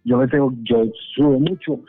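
A man's voice: mid-range voice, normal speed. A Colombian man with a Colombian Spanish accent, chatting and joking as a panelist on a radio discussion. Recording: dry phone-like radio line.

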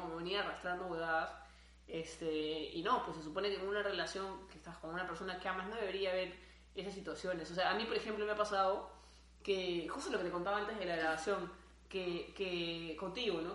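A young woman, co-hosting a podcast in casual chat, animated and swearing freely. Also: fairly low pitch. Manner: animated, swears freely, acts out her own thoughts. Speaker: podcast co-host. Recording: roomy echo.

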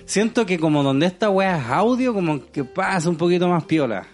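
A man's voice: sits high, expressive, brisk, soft background music. A man with a Chilean accent hosting a casual chat, slangy and joking, telling stories with animation. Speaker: podcast host.

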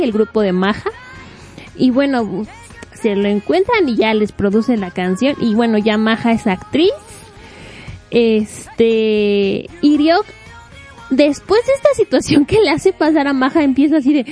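A woman casually recapping a webtoon plot, animated and full of fillers. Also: sits high. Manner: animated, acts out quotes, fills with este.

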